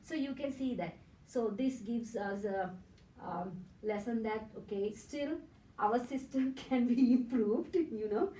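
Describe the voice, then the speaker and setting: A Sinhala-speaking woman from Sri Lanka, with a Sri Lankan accent, presents at an academic conference in a hotel meeting room, walking through her points step by step and often checking with "right?" Her voice is a little high, a little slow and dark in tone. The recording is distant and echoey, with slight background noise.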